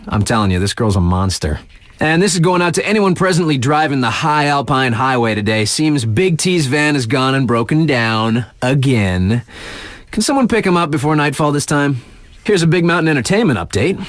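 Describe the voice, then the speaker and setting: Voicing a laid-back, sardonic young radio DJ in a video game, a man reads local news in a wry, slangy, conversational style. His voice is a little high, with no room sound.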